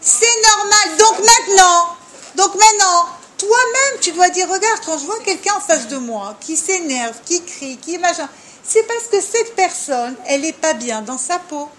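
A woman leading an informal religious talk for a group. She is animated, speaks straight to her listeners, and acts out small dialogues as she makes her points. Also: very high voice, a little slow, slight background noise. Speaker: leader of a women's discussion group.

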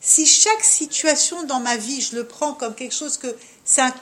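A woman teaching a religious class for women, speaking straight to her listeners and scattering Hebrew terms through her lively lesson. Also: high-pitched, moderate pace.

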